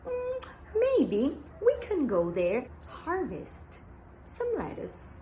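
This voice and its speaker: A woman's voice: sits high, huge pitch swings, extremely slow, warm tone, slight background noise, voice pushed up, exaggerated voice. Woman doing a stammering poor storybook dad. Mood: hopeful. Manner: stammering, pleading. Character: poor nervous father, stammering.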